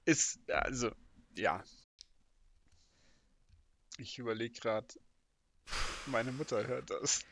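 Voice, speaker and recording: Slow, hesitant man chatting. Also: medium pitch, gravelly, fairly bright tone. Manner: hesitant, full of fillers and laughter. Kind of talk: casual chat.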